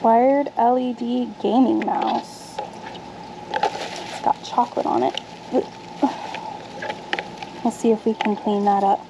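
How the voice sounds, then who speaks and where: Out on a backyard patio, a vlogger in her thirties sorts her dumpster finds and chats to the camera, thinking out loud. Her higher voice is creaky and slow with fairly even intonation and frequent pauses, and there's noise in the background.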